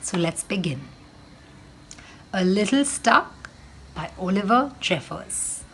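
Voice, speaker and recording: A woman teacher with a medium-pitched voice reads a picture book to young listeners, speaking to them directly in a slow, expressive way. A little hiss or hum runs under the recording.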